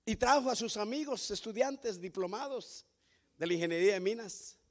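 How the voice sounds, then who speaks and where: A male pastor preaching a sermon, telling stories and building to loud emphatic peaks. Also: high-pitched, animated, normal speed. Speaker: founding pastor.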